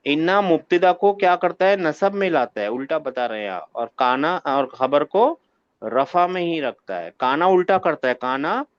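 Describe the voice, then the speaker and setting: A man's voice: on the high side, expressive, moderate pace, no echo. Quizzing male teacher, muffled recording. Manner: quizzes students, repeats phrases, corrects them patiently. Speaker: Arabic teacher. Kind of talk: interactive grammar class.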